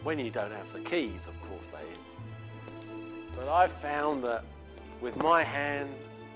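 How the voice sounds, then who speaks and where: A cheeky chatty prisoner. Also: male voice, mid-range voice, animated, slow, music in the background. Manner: cheeky, rambling, calls the guard Gov. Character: chatty male prisoner, former car thief. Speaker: actor in a lesson sketch. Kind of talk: comic scripted sketch.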